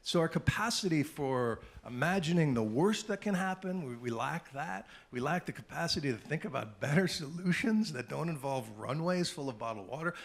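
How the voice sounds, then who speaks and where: A middle-aged man, a television journalist, telling animated anecdotes to a panel audience. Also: mid-range voice, gravelly. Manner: animated anecdotal storytelling with asides. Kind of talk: storytelling at a panel talk.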